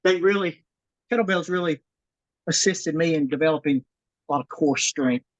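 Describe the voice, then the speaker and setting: A woman's voice: deep voice, moderate pace, no echo, low-quality recording. Winded woman coaching a workout. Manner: encouraging, repeats "keep it simple, guys". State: out of breath. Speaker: fitness instructor. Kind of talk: workout demonstration and advice. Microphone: video call.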